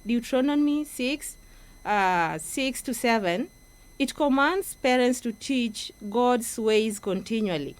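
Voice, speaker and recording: A woman's voice: on the high side, animated, takes it slowly. A Kenyan woman, a project coordinator and guest speaker, giving an earnest, instructive talk in a radio studio.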